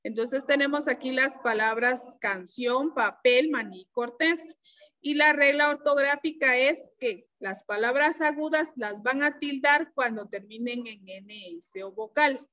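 A woman teacher giving an online class, explaining slowly and patiently and checking often that her students follow. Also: sits high, bright, forceful tone. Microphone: computer mic on a video call. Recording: dull, lo-fi video-call audio.

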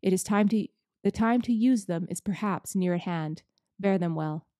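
A woman voicing Father Christmas, slow and stately, in a storybook reading. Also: medium pitch, mellow, no echo, studio quality, natural voice. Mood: solemn, kindly. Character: huge, kindly, solemn old Father Christmas.

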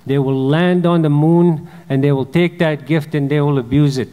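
The all-knowing Creator of an old legend speaks in slow, measured phrases, as a man storyteller gives him voice. His words ring out in a large hall with a long echo behind them. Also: fairly high pitch, fairly even intonation, mellow, lightly acted. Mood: solemn. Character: the male Creator, a wise deciding spirit.

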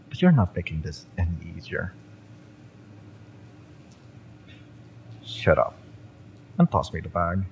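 In a scripted romance audio drama, a man plays a fiery mercenary with a low, expressively swinging, exaggerated voice. Cocky, exasperated, and menacing yet familiar, he taunts in a mocking, sardonic tone, drawing out each word slowly and deliberately. Noticeable ambient noise sits behind him.

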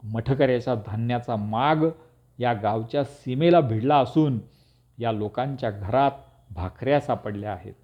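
Brief: man playing a haughty colonial-era district officer, curt and snappish, medium pitch, muffled audio. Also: expressive, moderate pace, close to an everyday voice. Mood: formal. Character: irritable male district officer, haughty then cowed.

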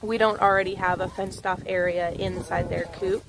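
A woman's voice: lowish voice, steady tone, moderate pace, slight background noise, rough recording. A woman in her twenties chatting and explaining chicken care at her coop, filmed on a phone at arm's length outdoors. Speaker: homestead vlogger. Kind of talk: casual vlog narration. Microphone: phone held at arm's length. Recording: clucking chickens and clicks behind.

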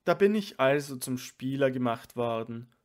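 A man's voice: mid-range voice, animated, normal speed, a little mellow, lightly acted. A man reading the part of a loving, divine male monk, speaking with tender wonder.

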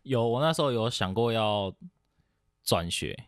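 Low-voiced young man, hesitant chat. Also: animated, measured pace, clean tone, dry recording, studio quality. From Taiwan. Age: young adult. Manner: hesitant, rambling with many fillers and restarts. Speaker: podcast guest. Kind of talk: casual chat.

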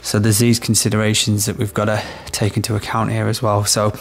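Man, 30s, electrician, flat steady delivery, gravelly, practical on-site explanation. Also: fairly low pitch, a little fast. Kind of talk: on-site product demonstration. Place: house interior, small room.

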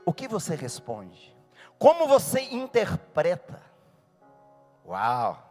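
A male pastor preaching a dramatic, animated sermon in a church. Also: high-pitched, slow, faint music behind. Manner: animated, dramatic storytelling with sudden shouts.

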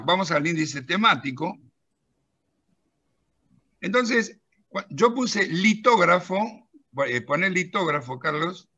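A middle-aged man with a Rioplatense Spanish accent, animatedly demonstrating software on a video call while telling an anecdote and directing a helper at the screen. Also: on the high side, highs cut off. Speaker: presenter of a pension-law software and magazine.

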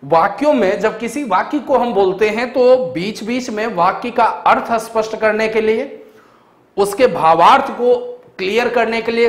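A young man teaching a grammar lesson for exam preparation, explaining step by step and often checking that his students follow. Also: high voice. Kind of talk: exam-prep grammar lecture. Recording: echoey room.

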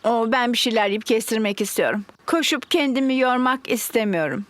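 A woman voicing a kindly, sensible, gently teasing mother pig in a children's cartoon dub. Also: on the high side, a little fast, slight background noise, close to an everyday voice.

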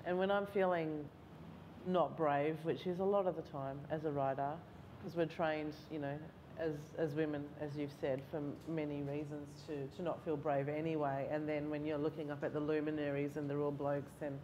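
Seated on stage in a large hall for a festival panel discussion, a writing lecturer in her forties tells candid, self-deprecating stories in an Australian accent. Her first language is Mauritian Creole or Italian. She speaks at normal speed in a low, flat voice over a noisy background.

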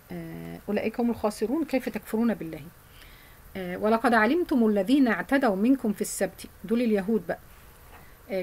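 A woman with an Egyptian Arabic accent teaching Quran memorization, explaining in casual colloquial speech and reciting verses slowly. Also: medium pitch, dark tone, slight background noise, low-quality recording.

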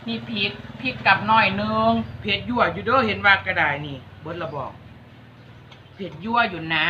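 A woman's voice: medium pitch, animated, normal speed, slight background noise. A woman with an Isan accent hosting a cooking vlog, chatting and teasing while talking straight to her viewers. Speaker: vlog host. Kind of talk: casual cooking vlog chat. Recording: dull lo-fi recording.

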